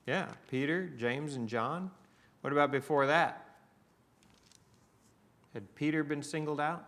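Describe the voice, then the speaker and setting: A man's voice: fairly high pitch, unhurried, a bit bright. Man teaching a church Bible class. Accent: Southern US. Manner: conversational, asks the class questions, many restarts.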